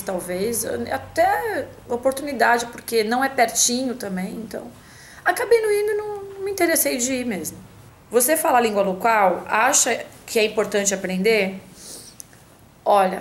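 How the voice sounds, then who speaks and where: A woman's voice: on the high side, rough recording. Chatty Brazilian woman vlogging from home. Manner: chatty, hesitant, many restarts and fillers. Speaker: vlogger answering a tag. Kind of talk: casual talk to camera.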